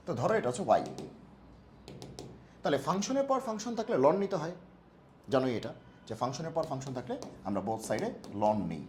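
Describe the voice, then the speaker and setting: Guy teaching math fast, jokey, voice swings up and down a lot, faint noise behind. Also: on the high side, sing-song, a little mellow. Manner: playful, jokey teaching with homely analogies; talks fast on purpose. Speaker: math tutor. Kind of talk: exam-prep math lesson.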